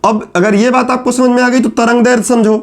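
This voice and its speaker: A man's voice: extremely high pitch, little pitch movement, fairly quick. A male teacher giving a classroom lecture, explaining step by step and answering his own questions as he writes on a board.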